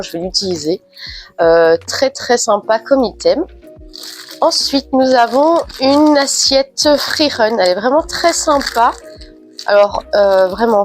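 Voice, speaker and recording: A woman with a head cold talks through an unboxing in a relaxed, chatty way, her voice stuffy and nasal. She stops often with hesitant fillers, her pitch sits in the middle, and soft music plays faintly behind her. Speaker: unboxing vlogger. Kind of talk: casual unboxing chat.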